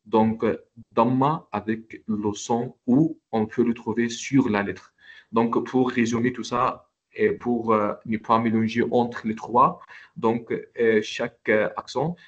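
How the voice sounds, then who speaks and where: A man's voice: medium pitch, fairly even intonation, takes it slowly, lo-fi sound. A man teaching an Arabic alphabet lesson in French, talking in a hesitant way with many fillers and restarts.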